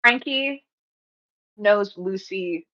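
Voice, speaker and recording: A woman player in a tabletop role-playing game, describing her character's actions in a slow, hesitant way and searching for her words. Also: mid-range voice, pushed and bright, dull audio.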